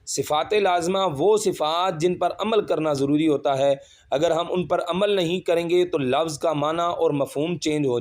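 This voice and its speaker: A man's voice: on the high side, a little mellow. Patient male Quran reading teacher. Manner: spells out letters and vowels syllable by syllable, then blends them. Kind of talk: slow step-by-step recitation lesson.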